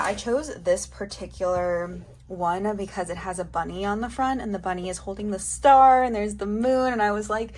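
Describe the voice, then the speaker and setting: A bubbly, girlish woman gushes excitedly as she chats to the camera in a casual unboxing vlog. Her voice sits at a medium pitch, with some noise behind it. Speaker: collector vlogger.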